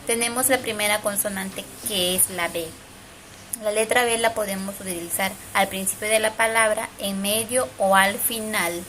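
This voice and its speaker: A Mexican woman from Yucatán teaching Maya consonants in a casual video lesson, speaking slowly and repeating each example word with careful emphasis. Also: mid-range voice, fairly even intonation, a bit bright, slight background noise, rough recording. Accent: Mexican Spanish. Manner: slow and careful, repeats and stresses Maya words.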